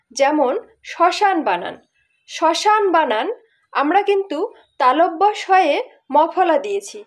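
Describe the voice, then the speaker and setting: Brief: woman online tutor, high voice, animated, rhetorical questions. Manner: explains step by step, asks rhetorical questions. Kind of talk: grammar lesson.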